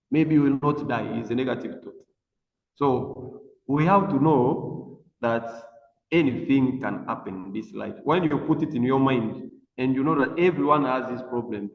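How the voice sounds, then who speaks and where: A gravelly man speaks in a halting way, often restarting his sentences. His voice rings with a long echo that lingers around the room. The sound is muffled, as if it came through a video call. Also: mid-range voice. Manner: halting, with many restarts and fillers. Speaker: psychiatrist and dermatologist, webinar speaker. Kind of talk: unscripted talk on a video call.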